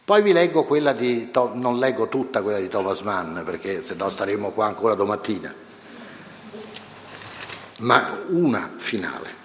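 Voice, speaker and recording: A man's voice: lowish voice, lively intonation, moderate pace, slight background noise. A middle-aged man giving a public lecture, talking conversationally and addressing his audience directly. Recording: echoey hall with long reverb.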